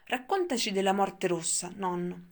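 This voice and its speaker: Pushy young tribesman, loud and blunt, woman reading him, gravelly edge. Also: mid-range voice, lively intonation, moderate pace. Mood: impatient. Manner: blunt, demanding.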